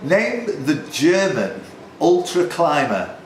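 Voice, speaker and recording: A slightly high, sing-song voice belongs to this man hosting a pub quiz at a slow pace. He reads the questions aloud with teasing, chatty, jokey comments. The recording, made live in a tavern quiz room, is roomy and faintly noisy.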